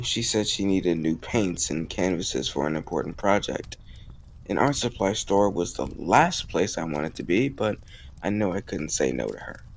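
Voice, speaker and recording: In a romantic audio roleplay, a man with a lowish voice acts a warm, teasing young suitor, speaking casually and intimately to the listener. He's conversational and gently teasing, with soft chuckles.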